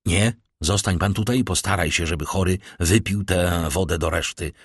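A man voicing an urgent middle-aged male doctor who questions patients in a brisk way. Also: deep voice, husky, no echo, clean studio sound. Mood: commanding.

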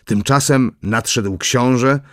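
A man narrating a historical novel in a steady, measured reading. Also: medium pitch, no echo, clean studio sound. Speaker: audiobook narrator.

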